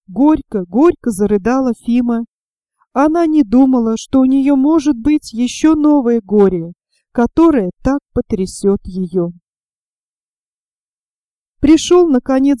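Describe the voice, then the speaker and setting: A woman narrating a historical novel as an audiobook, in a measured, expressive manner. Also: on the high side, no room sound.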